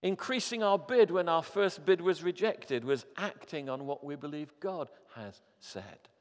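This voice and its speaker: A man's voice: a little high, expressive, a little slow, darkish tone. A man in his fifties preaching a sermon as a pastor, earnest and building to emphatic appeals. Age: 50s. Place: church hall. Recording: long hall reverb.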